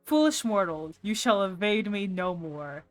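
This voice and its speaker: A woman's voice: medium pitch, lively intonation, unhurried, dry recording, soft background music, natural voice. A woman voicing a pompous grim reaper who demands a soul through a chat app, grandiose and easily flustered. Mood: commanding.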